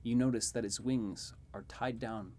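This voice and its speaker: A man's voice: mid-range voice, fairly even intonation, normal speed, warm tone, slight background noise. A man narrating a tabletop fantasy game as game master.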